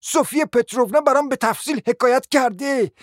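A reader doing a shrill, indignant gossiping lady. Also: no room sound, studio quality, natural voice. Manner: high, shrill, shouting accusations.

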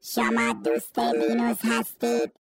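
Woman as a trusting little robot for an audiobook; high-ish, flat, earnest, music bed behind. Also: gravelly. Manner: simple, earnest, refers to itself in third person. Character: little naive trusting robot, speaks of itself by name. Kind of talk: audiobook character reading. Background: background music.

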